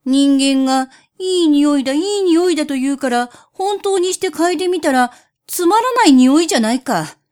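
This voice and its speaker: A woman's voice: sits high, expressive, normal speed, hardly any pauses, a little mellow, voice pushed up. A woman voicing a sly, scheming male spotted cat who coaxes in a syrupy tone, in a storybook reading. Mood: scornful. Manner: coaxing, wheedling tone.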